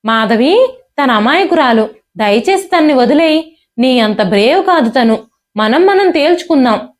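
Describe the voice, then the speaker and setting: Woman doing angry young husband, pleading then snapping, high pitched, audiobook. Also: lively intonation, unhurried. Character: angry young husband defending his wife.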